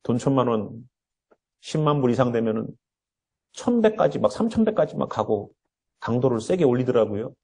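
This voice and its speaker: A man's voice: medium pitch, very animated, normal speed, vocal fry, darkish tone, husky. A male pastor preaching an earnest sermon, often acting out the voices he quotes.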